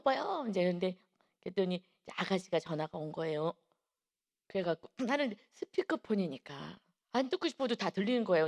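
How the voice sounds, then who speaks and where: A middle-aged woman preaching at a dawn service in a conversational way. She tells personal stories, acts out other people's words, and often clears her throat. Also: medium pitch, darkish tone. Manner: chatty storytelling, acts out quoted voices, frequent throat clearing. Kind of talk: conversational sermon with personal anecdotes.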